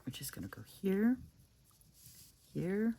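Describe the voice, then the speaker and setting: Italian woman crafting on camera, low gravelly voice, mumbles to her paper bits, slow, faint noise behind. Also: sing-song, mellow. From France and Italy. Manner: muses aloud, talks to her craft pieces, drops into whispers. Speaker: craft vlogger. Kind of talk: casual talk-along while crafting.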